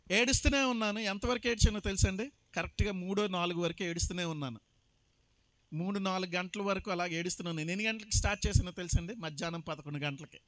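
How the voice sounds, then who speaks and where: High-voiced pastor. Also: male voice, fairly bright tone, no echo. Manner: emphatic, mixes in English phrases. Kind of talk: sermon testimony.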